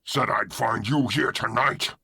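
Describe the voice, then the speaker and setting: A man playing a menacing, explosive crocodile man villain in an audio drama, with a gravelly, growling voice. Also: mid-range voice, unhurried, bright, forceful tone, no echo, full character voice. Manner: menacing, explosive, snarling threats. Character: enraged, desperate monstrous crocodile man villain.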